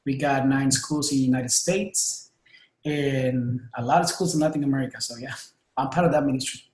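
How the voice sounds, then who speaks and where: A man in his thirties with a Honduran Spanish accent, talking as a podcast guest. He is friendly and a little hesitant, with many fillers, at a middle pitch. His voice carries the echo of a roomy space. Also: normal speed, darkish tone. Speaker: guest, music school director. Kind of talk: casual interview. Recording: echoey room.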